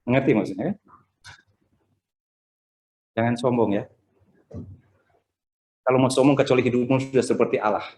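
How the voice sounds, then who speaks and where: A man's voice: medium pitch, fairly even intonation, normal speed, pauses often, a little mellow. A man preaching a conversational sermon over a video call, telling anecdotes and acting out other people's lines. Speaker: pastor. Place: church service streamed over a video call. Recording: roomy, echoey video call; echoey.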